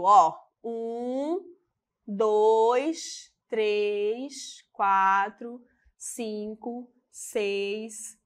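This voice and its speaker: A woman's voice: high-pitched, bright, forceful tone. A woman teacher with a Brazilian accent giving a classroom lesson, patiently counting things out and checking in with her students through frequent tag questions.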